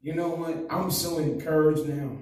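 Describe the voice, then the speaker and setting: A middle-aged man preaching a fervent sermon with call-and-response, his voice swelling into loud surges. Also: on the high side, fairly even intonation, normal speed. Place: small church room, indoors. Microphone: headset mic. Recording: echoey room, heard from a distance.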